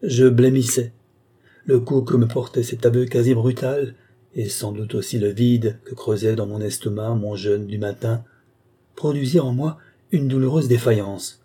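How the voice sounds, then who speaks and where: A man reading a classic novel aloud in a measured, even storytelling manner. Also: medium pitch, husky. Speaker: audiobook reader. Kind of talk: literary narration.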